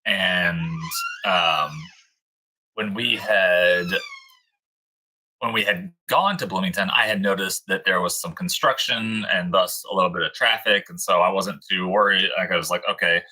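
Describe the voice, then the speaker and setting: A man's voice: deep voice, a little slow, sharp tone, rough recording. A man in his thirties, rambling through a story with lots of fillers on a casual livestream. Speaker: co-host of a dog breeder livestream.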